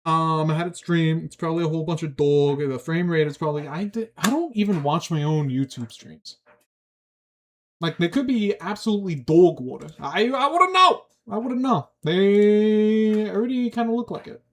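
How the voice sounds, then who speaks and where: A young man from Long Island with a New York accent, chatting casually on a livestream and reacting to his chat in a rambling, animated, slangy way. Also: fairly high pitch, moderate pace.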